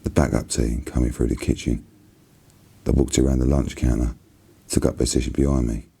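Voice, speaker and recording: Very deep, gravelly Cockney man reading softly. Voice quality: very husky, soft and gravelly. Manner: hushed, unhurried, even narration. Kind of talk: ASMR reading of a novel.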